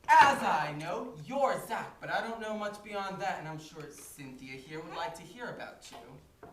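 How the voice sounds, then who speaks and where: Actress as an impatient, animated woman, echoey. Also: lowish voice, a little slow. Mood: exasperated. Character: impatient, awkward questioner steering the others. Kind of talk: stage play acting. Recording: echoey room, distant mic, noisy.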